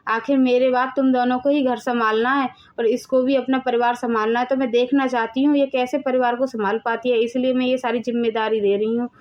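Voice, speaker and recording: A firm, commanding mother-in-law, voiced by a woman who rules the house in an animated family drama. Her voice is high and her tone leaves no room for argument. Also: brisk, few pauses, muffled recording, lightly acted. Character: bossy middle-aged mother-in-law, head of household.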